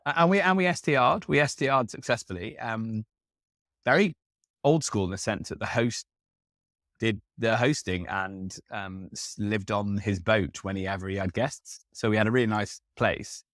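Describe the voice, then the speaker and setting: Rambling casually with plenty of fillers and restarts, an English man in his thirties co-hosts a podcast. He sounds lowish and a bit bright at a moderate pace, recorded clean in the studio with no room sound.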